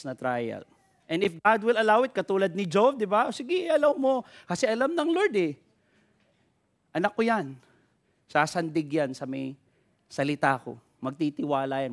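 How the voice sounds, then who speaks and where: A man with a Filipino accent delivers a lively church sermon. His voice sits high for a man, and he keeps calling out to the congregation as he moves between Tagalog and English. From Philippines. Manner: energetic preaching with repeated call-outs to the congregation; switches between Tagalog and English mid-sentence. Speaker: pastor.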